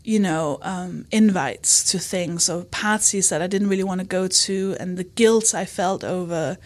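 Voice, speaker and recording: With a fairly low voice and measured pace, a woman comedian and author chats candidly in an interview. She is animated and frequently acts out quoted remarks, both her own and other people's.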